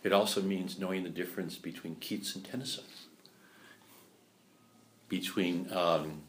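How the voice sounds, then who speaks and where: A man giving a lecture, chatty and animated, often asking rhetorical questions and laughing at his own points. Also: deep voice, measured pace, slight background noise. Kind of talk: lecture on musical theater history.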